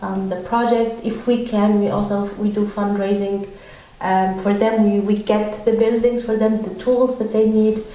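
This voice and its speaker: A woman's voice: medium pitch, little pitch movement, moderate pace, few pauses, mellow. A woman from Tunisia, a podcast guest, answering in a hesitant conversational way with many ums and restarts. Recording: very echoey room, mic far off.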